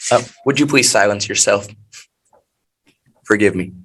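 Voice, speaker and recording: A man's voice: on the low side, a little slow, a bit bright, husky. An American man speaking as a self-represented defendant to a judge, with stilted, over-polite legal phrasing. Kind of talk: addressing a judge in court. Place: in custody, on a court video call.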